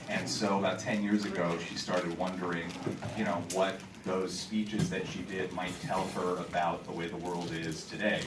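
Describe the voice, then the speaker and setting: In a theater auditorium, a director with a low voice gives a casual pre-show talk to the audience, rambling with fillers and restarts. The recording is distant and noisy, with his held microphone picked up from afar amid the hall's echo.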